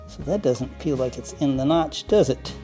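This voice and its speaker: Faint music plays behind an expressive, mellow, mid-range male voice speaking at a moderate pace. He is a model train hobby channel host casually narrating a hands-on how-to of cleaning trains at his work table, rambling, with many fillers and restarts and frequent chuckles.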